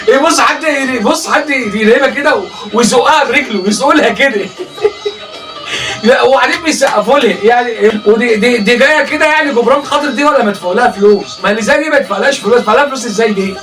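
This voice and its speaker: An Egyptian man with a very high voice rattles off teasing comedy commentary, laughing and exclaiming as he goes. He talks quickly, and he sounds a little distant from the microphone. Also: over music. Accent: Egyptian Arabic. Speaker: comedic reaction host. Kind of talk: mocking reaction commentary on a livestream.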